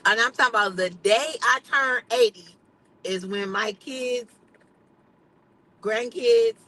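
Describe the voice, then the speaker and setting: A woman's voice: mid-range voice, fairly bright tone, low-quality recording. A middle-aged woman chatting casually on a livestream, blunt and emphatic, swearing freely. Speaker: vlogger.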